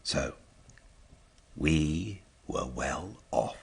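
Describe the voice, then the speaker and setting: A man reading a storybook aloud as an audiobook narrator, measured and expressive. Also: a bass voice, gravelly.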